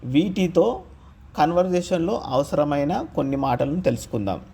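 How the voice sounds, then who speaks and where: A man narrating a scripted lesson on English pronunciation, reading out example words slowly one at a time. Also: a little high, animated, gravelly, warm tone, breathy edge. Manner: slow, deliberate, spells out example words one by one.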